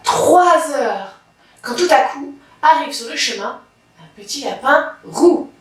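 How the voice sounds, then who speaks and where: A woman reading a children's story aloud, slowly and deliberately with dramatic pauses. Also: high-pitched, lively intonation. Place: library. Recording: very echoey room, from far off.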